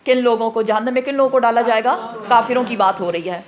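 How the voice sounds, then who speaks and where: A woman explaining Quran verses in a lesson, asking questions and answering them herself, with English words mixed into her speech. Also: fairly high pitch. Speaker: Quran teacher.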